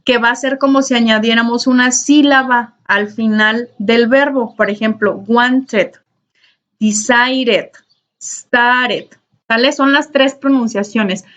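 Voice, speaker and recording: A woman's voice: fairly high pitch, normal speed, few pauses, fairly bright tone. A woman, teaching an online English grammar class in a patient, repetitive way and checking in often. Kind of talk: recorded online class lesson. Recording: dull lo-fi recording.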